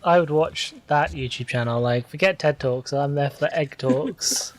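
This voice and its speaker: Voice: mid-range voice, moderate pace, a little hiss or hum. A podcast co-host making dry quips in casual chat. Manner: dry, quippy.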